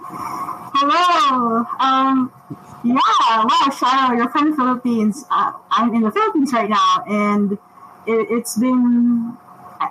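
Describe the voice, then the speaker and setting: Bright-voiced enthusiastic woman. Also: a little high, slight background noise, rough recording. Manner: enthusiastic, animated. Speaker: teacher and guest. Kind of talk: casual interview over a live stream.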